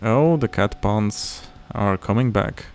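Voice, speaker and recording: A man's voice: fairly low pitch, slow. A man playing a video game and commenting casually, with wry, rambling asides. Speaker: let's play host. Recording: commentary over game music.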